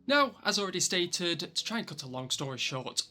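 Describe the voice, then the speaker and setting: A man's voice: high-pitched, big pitch swings, brisk, pushed and bright, soft background music. A man in his thirties with a broad Yorkshire accent narrates a personal vlog to viewers, with wry, self-deprecating asides. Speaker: YouTube vlogger.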